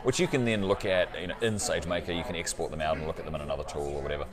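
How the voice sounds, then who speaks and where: A man with a bass voice and fairly even intonation speaks very fast as a cloud company partner guest, explaining technology to an interviewer. He keeps tacking "right?" onto his sentences, while the busy conference floor around him fills the recording with crowd chatter.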